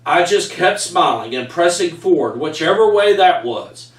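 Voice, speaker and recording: A middle-aged man with a Texan accent reads his own story aloud at home, telling it folksily and saying "y'all." His rather high voice has lively intonation and an unhurried pace. A camera across the room, which has framed pictures, picks him up from afar, so the sound is echoey.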